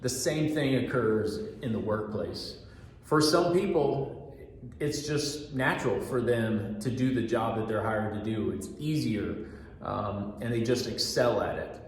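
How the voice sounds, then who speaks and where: A middle-aged man, a restaurant manager, giving a staff orientation talk through a mask in a steady, fairly monotone, earnest way. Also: on the low side, unhurried, slight background noise. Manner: talks through a mask, patient and repetitive. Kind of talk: training talk. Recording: very echoey room with long reverb.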